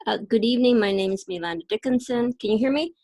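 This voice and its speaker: A woman's voice: fairly high pitch, fast, darkish tone, no echo. A woman greeting everyone politely and formally on a video call.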